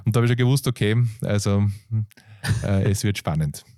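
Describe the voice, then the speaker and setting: A man's voice: lowish voice, a little fast, dry recording, clean studio sound. Austrian man telling stories with laughs. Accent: Austrian German. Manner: animated storytelling with frequent laughs and fillers. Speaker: guest, coach and stand-up comedian. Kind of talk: conversational interview.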